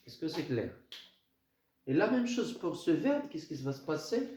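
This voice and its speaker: A man teaching a grammar lesson, speaking slowly, repeating words and spelling out letters. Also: fairly high pitch, sing-song, darkish tone, a little hiss or hum. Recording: echoey room, dull lo-fi sound.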